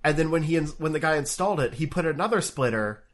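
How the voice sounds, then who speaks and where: Animated and quick, this man's voice is a little high and a bit bright. He co-hosts a relaxed online show from a home room via webcam on a remote call. Suffering a cold, he sounds sniffly and congested, rambling with many fillers and restarts.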